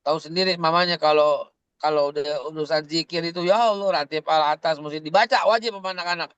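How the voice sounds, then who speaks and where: A man co-hosts a religious discussion, his voice high and smooth. He tells stories casually with street slang and acts out the quotes. The sound is dry and close. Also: fast talker, a bit bright, no echo, highs cut off. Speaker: co-host of religious talk.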